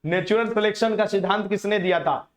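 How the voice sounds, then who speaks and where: A man's voice: high voice, fairly even intonation, fairly quick. A man teaching a live exam-prep quiz, repeating each question and teasing his students. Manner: teasing, repeats questions, mixes in English words. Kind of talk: live online quiz lesson.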